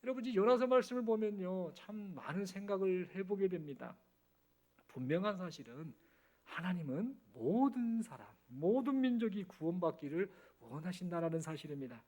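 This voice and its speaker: A male pastor preaching a sermon in a church, telling the story with lively expression. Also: high-pitched, normal speed. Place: church sanctuary.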